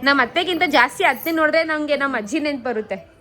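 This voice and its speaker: Young woman, high voice, casual vlog chatter, teasing and coaxing. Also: quick pace, bright, forceful tone. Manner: chatty, mixes English words in. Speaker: vlogger.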